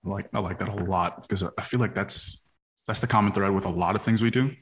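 A man's voice: fairly low pitch, fast talker. A man hosting a casual podcast, asking long, rambling questions in a chatty way. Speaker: podcast host.

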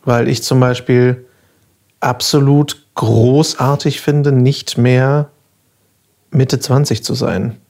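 A man in his mid-thirties hosting a podcast in a casual, conversational way, with a husky voice and a playful, self-deprecating manner. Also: mid-range voice, fairly even intonation, takes it slowly, a little mellow. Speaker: podcast host.

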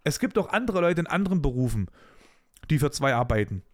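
Here a podcast host tells a story from his own working life, his voice a little high and a little fast. He bluntly and animatedly retells a workplace dispute in casual, colloquial talk, tossing in colloquial asides.

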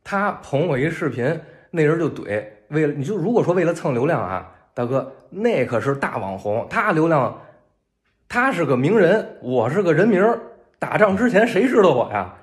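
A man with a Beijing accent talks straight to his viewers in a casual monologue. His humor is wry and deadpan. His voice sits a little high and swings widely in pitch. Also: moderate pace. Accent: Beijing Mandarin. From Beijing, China. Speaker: civilian in a war zone posting a video.

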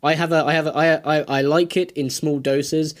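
A man's voice: fairly high pitch, level tone, moderate pace. A man with a British accent in a casual film discussion, speaking hesitantly and politely qualifying his points. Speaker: podcast panelist.

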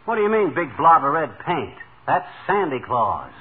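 Fibber McGee, animated folksy blowhard husband. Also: male voice, a little high, normal speed, slight background noise. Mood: eager, proud. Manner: folksy, blustering, slangy. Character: boastful, folksy middle-aged husband, stubborn dabbler. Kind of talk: 1940s radio comedy acting. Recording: tinny vintage radio broadcast.

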